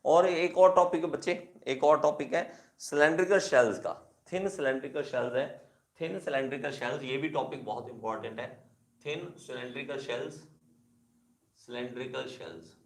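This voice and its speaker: Guy teaching engineering to a class, keeps repeating stuff, kinda raspy fry, echoey room. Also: mid-range voice, normal speed. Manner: repetitive, addresses students as kids. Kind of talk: classroom lecture.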